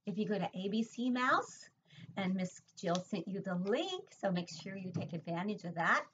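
An older woman, a preschool teacher, gives a sing-song online lesson from a room at home, asking the children questions. Her mid-range voice is fairly bright with lively intonation at normal speed. The webcam laptop mic yields dull lo-fi audio with slight background noise.

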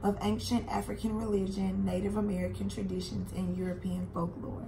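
A woman's voice: medium pitch, little pitch movement, a little fast, creaky, noisy background. Woman reading facts in casual chat.

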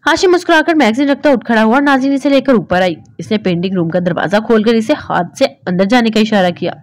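Female narrator for a romance novel, highish voice, dry close recording. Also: lively intonation, fast talker, dry recording. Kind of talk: reading a romance novel aloud.

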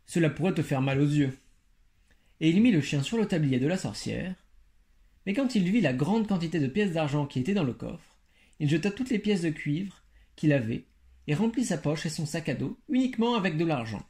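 A man reading a fairy tale aloud in a steady storytelling manner, with occasional slips. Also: a little high, fairly quick. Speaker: reader.

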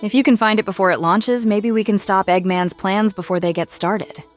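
A woman's voice: mid-range voice, moderate pace, faint music behind, lightly acted. A woman voicing a plucky, sociable young female lemur in a comic dub, chummy and slangy.

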